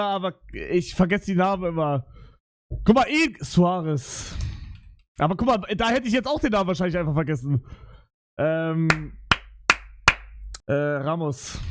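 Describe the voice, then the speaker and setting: A man's voice: sits high, lively intonation, normal speed, pauses often. A young man streaming live, chatting casually in heavy street slang with swearing, rambling and flustered. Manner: slangy, swearing, repeats "Digga" and "Bruder".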